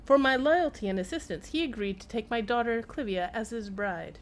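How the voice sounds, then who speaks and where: Voicing a pompous old imperial chancellor from a fantasy game, a woman declaims his journal in a self-important, dramatic read-aloud of in-game text. Her pitch is fairly high, her pace normal, and her voice sounds close to everyday speech.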